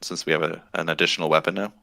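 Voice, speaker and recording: A man playing in a tabletop game, speaking calmly and in a matter-of-fact way. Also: deep voice, very fast, gravelly, no room sound. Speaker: player.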